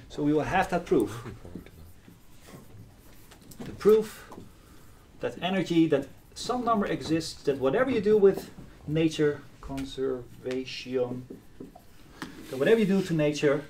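A middle-aged university lecturer giving a live physics lecture in a hall, lively and often checking in with the class. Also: male voice, fairly high pitch, slight background noise. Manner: lively, asks the class questions.

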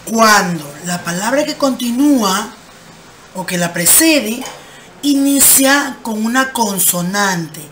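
A woman's voice: on the high side, a bit bright. A woman, teaching English grammar patiently and answering her own questions. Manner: patient, asks rhetorical questions and answers them; reads English examples slowly and clearly. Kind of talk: slow explanatory grammar lesson. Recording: faint background noise.

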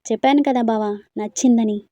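A woman reading a storybook, voicing a stubborn, quick-tempered young woman with sharp, scolding retorts. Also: fairly high pitch, steady tone, no echo, muffled recording, lightly acted. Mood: evasive.

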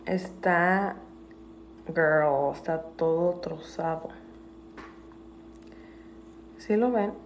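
Slow-talking woman. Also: medium pitch, a little mellow, slight background noise. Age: adult with a school-age daughter. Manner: switches between Spanish and English, swears, indignant. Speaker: livestreamer. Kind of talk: casual livestream chat.

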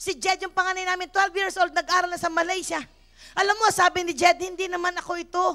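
A woman pastor in her fifties from the Philippines, preaching a sermon in a church with animated storytelling and English phrases mixed in. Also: extremely high pitch, fairly quick.

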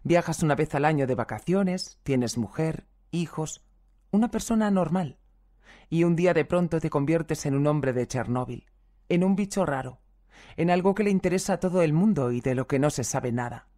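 Calm steady audiobook reading, first-person testimonies, reads the translator's notes out too. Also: medium pitch. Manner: calm, measured reading that also reads out footnotes. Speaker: audiobook reader.

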